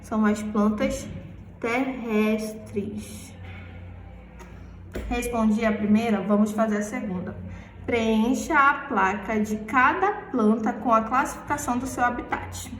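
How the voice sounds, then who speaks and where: A Brazilian woman teaching a primary class, asking questions and answering them herself while stretching the key words slowly. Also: fairly high pitch, fairly even intonation, a bit bright, slight background noise. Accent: Brazilian Portuguese. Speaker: schoolteacher. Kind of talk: recorded remote class lesson. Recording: echoey room, voice far from the mic.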